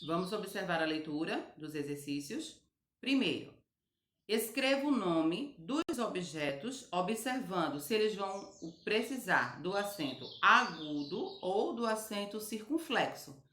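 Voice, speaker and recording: A woman teacher giving a recorded grammar lesson to children, slowly and patiently spelling out each word. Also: mid-range voice, very animated, a bit bright, reverberant. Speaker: primary school teacher.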